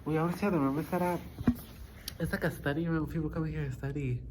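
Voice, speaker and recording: In a small study room, a young adult YouTuber with a deep voice chats casually and quickly to her audience. Her intonation stays fairly even and her articulation is loose, with background noise audible.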